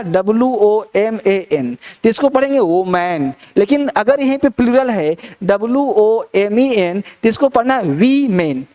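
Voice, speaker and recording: High-voiced Indian man drilling pronunciation. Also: a little mellow. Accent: Indian English. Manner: repeats words drilling, asks questions and answers himself. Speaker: spoken English teacher. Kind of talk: classroom pronunciation lesson.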